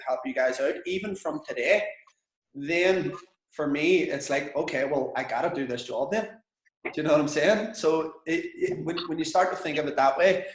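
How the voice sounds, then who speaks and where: Coaching business students in a casual session, a man with a Belfast accent keeps things frank, chatty, and full of swearing. His voice sits on the high side. The recording is low quality, with a roomy sound.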